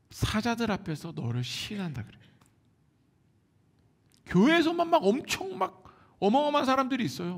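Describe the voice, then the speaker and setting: A male pastor preaching a sermon in an animated, emphatic way, telling stories and acting out other people's voices. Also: high-pitched, gravelly, slightly rough. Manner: animated, emphatic, many filler words; acts out quoted voices. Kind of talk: sermon with storytelling.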